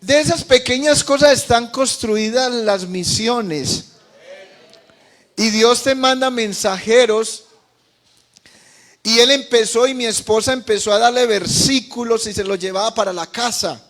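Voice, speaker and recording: A Colombian man preaching as a pastor, telling a testimony with passion, moving between quiet and loud. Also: very high voice, measured pace. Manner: impassioned, swings from quiet to loud. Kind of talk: sermon testimony.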